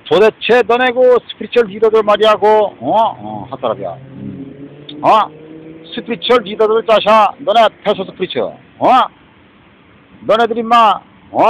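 A man's voice: sits high, a bit bright, slightly rough. A man speaking with a Korean accent in an angry, rambling rant. He curses a lot and keeps tagging his lines with a challenging "eh?". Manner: cursing, mixing Korean and English, constant "eh?" tags. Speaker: street preacher-style ranter. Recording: dull lo-fi recording.

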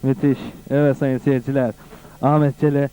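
A man giving live amateur football commentary, excitedly exclaiming goals and repeating his phrases over and over. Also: medium pitch, normal speed, clear, resonant tone, poor audio.

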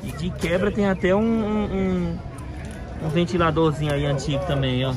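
A man's voice: fairly high pitch, fairly even intonation, normal speed, music in the background. A man, chatting upbeat to his phone camera and asking market sellers about prices. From Brazil. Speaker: vlogger. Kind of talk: casual vlog and market haggling. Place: inside a parked car, then an outdoor street market. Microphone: phone camera held at arm's length. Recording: loud street noise behind.

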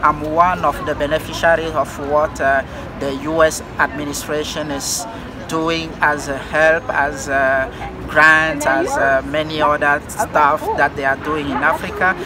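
A man's voice: on the high side, level tone, a little slow, crowd noise. Hesitant man from Cameroon interviewed outdoors. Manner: hesitant, searching for words. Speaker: interview guest, civil society leader. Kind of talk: interview answers. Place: outdoors on a park bench. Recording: outdoor park with traffic noise.

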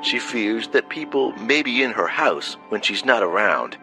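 A man reading a scripted true-crime documentary narration in a measured voice. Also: on the low side, animated. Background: documentary music.

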